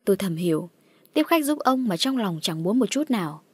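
A woman's voice: mid-range voice, big pitch swings, a little fast, darkish tone, husky, dry recording, studio quality. A woman reading a first-person horror story aloud in a tense, dramatic way. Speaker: narrator. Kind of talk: scripted horror story narration.

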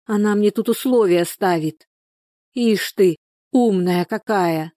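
A woman's voice: medium pitch, takes it slowly, warm tone, dry recording, studio quality, close to an everyday voice. A woman reading the part of a hot-tempered village wife and mother who scolds sharply. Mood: scolding.

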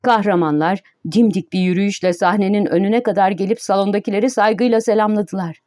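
A woman narrating an audiobook in a steady, even reading voice. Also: mid-range voice, fast talker, no room sound, studio quality.

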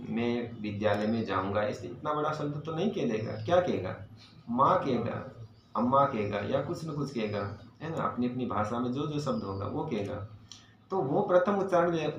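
A man teaching Sanskrit grammar to a class, explaining patiently, asking his students questions and reciting verses slowly. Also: fairly high pitch, slight background noise. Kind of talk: classroom lecture. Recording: echoey, dull lo-fi room recording.

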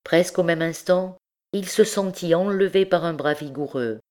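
A woman reading a classic novel aloud as an audiobook narrator, in a measured, unhurried style. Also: on the low side, darkish tone. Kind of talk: scripted narration.

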